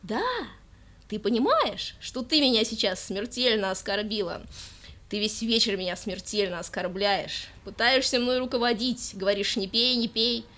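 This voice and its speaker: A woman's voice: on the high side, lightly acted. A woman doing a drunk, pompous male poet. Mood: indignant whining. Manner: whiny, loud, drawn-out self-important rants.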